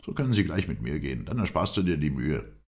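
A sour, scheming Bedouin guide, as a male reader puts him on, full of accusations. The voice is gravelly and pushed up from a very deep base, with a lively, swinging pitch. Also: fast, exaggerated voice. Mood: accusing. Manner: resentful, accusing.

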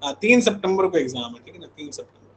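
Very animated and fast-talking, this slightly high male voice comes from a man in his thirties from India who teaches online coaching. He chats casually with his live class and keeps checking in. The recording is rough, with slight background noise.

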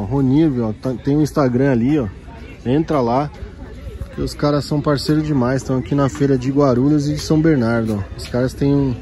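Speaking in a medium-pitched, dark-toned voice, a man from São Paulo, Brazil, gives a slangy, casual handheld tour of an outdoor market as a vlogger. Crowd chatter and street sounds fill the background.

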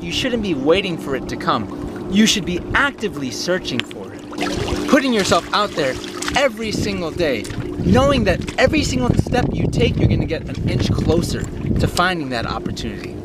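A young man hosting an energetic, slangy motivational vlog from a small sailboat, talking into a camera held at arm's length. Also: sits high. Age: young adult. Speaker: vlogger host. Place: small sailboat on open water outdoors. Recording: wind and water noise outdoors. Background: wind and water.

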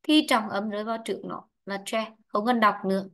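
A woman teaching English online, explaining word-stress rules slowly and repeating herself with many fillers. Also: medium pitch. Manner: repetitive, drawn-out explaining with frequent fillers. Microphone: online lesson mic.

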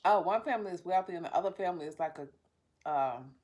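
A woman's voice: lowish voice, animated, fast, darkish tone. A woman chatting casually in an eating vlog, talking with her mouth full and rambling with fillers between bites. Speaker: vlogger eating on camera.

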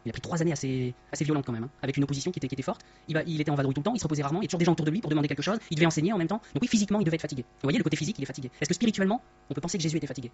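A man giving an earnest, conversational Bible study talk, often rephrasing himself, his voice masked by voice-disguising software on a dull, lo-fi recording. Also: on the high side, racing, few pauses, slightly rough. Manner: earnest, rephrases often, tags lines with "hein". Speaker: Bible teacher. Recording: dull lo-fi sound.

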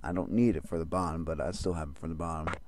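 A man's voice: rumbling low, steady tone, quick pace, very noisy. A man giving casual, hesitant reaction commentary, his speech slightly impeded by the retainers in his mouth. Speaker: reaction video host.

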